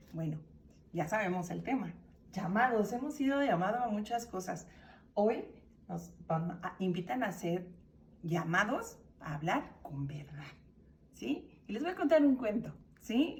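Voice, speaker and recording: A woman's voice: medium pitch, moderate pace, distant mic, slight background noise. Mexican woman teaching children a Bible story. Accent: Mexican Spanish. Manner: animated, acts out the characters' cries. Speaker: Sunday school teacher.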